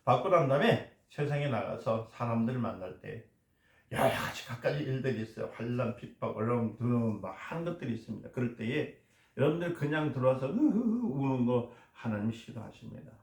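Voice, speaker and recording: A man's voice: medium pitch, a little fast, creaky. A man preaching a sermon as a pastor, stressing points and asking his congregation questions. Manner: emphatic, asks the congregation questions and answers them. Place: church hall. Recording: echoey church hall.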